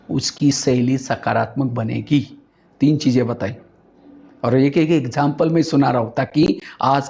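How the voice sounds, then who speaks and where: A man's voice: mid-range voice, vocal fry, darkish tone. Guy preaching a spiritual talk, tells little stories, muffled lo-fi recording. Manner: storytelling with rhetorical questions. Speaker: spiritual speaker. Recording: dull lo-fi recording.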